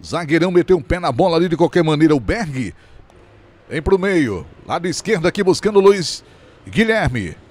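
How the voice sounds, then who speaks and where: Animated, high-pitched football commentator, male. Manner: stretches key words into drawn-out cries. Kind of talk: excited live football commentary.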